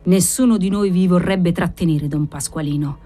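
A woman's voice: fairly low pitch, normal speed, mellow, close to an everyday voice. A woman reading aloud voices a furious marquis who speaks with cold, ironic menace. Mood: menacing.

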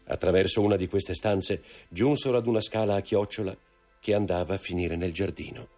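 A man narrating a classic novel in a measured, lowered reading voice. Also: mellow, faint music behind. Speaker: audiobook narrator. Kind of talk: scripted narration.

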